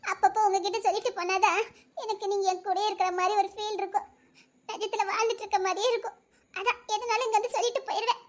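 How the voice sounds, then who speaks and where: A grieving young widow in a cartoon speaks to her lost love in a very high, light voice, played by a woman. She sounds tearful and half-laughing throughout. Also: steady tone, quick pace. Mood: wistful. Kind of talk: cartoon voice acting.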